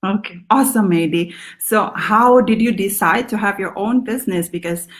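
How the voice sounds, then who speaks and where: A woman from Indonesia hosting a live-stream interview, asking upbeat, halting questions full of fillers. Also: mid-range voice.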